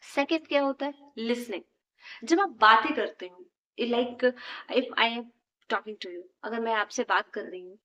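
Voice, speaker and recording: A woman's voice: a little high, sharp tone, dull audio. A woman teaching English in a casual spoken lesson, switching between Hindi and English and often checking in with a questioning "hmm?".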